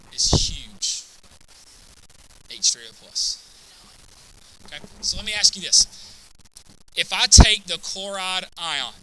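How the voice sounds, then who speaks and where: A man's voice: sits high, noisy background. A man teaching a chemistry class, lecturing and constantly checking in with students by asking "right?" and "okay?".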